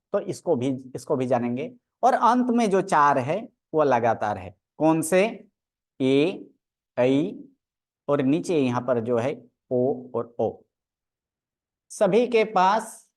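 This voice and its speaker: A woman teaches a grammar class at a very unhurried pace. Her voice sits a little low, and she works through each sound step by step, counting them off and repeating them for her students. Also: a little mellow. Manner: methodical, counts aloud and drills each sound slowly. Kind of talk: online lecture.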